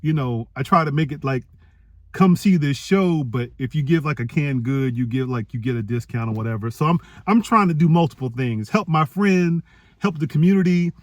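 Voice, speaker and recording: Male storyteller, slightly high voice, animated, acts out dialogue, dry close sound. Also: normal speed, no room sound. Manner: animated, acts out quoted dialogue with pitch jumps. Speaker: speaker telling a personal story. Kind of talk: storytelling talk.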